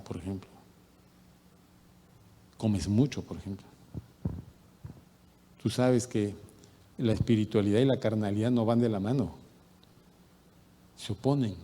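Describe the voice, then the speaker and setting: A man preaching a midweek sermon as pastor, swinging from loud bursts down to quiet asides. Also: medium pitch, in a large hall. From Peru. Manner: animated preaching, rising loud bursts and dropping to near-mutters. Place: church hall.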